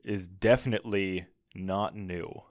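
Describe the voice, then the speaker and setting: A man's voice: low voice, steady tone, a little slow, no echo. A man co-hosting a podcast, chatting casually with a dry, wry manner and reading old archive clips aloud. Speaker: podcast co-host.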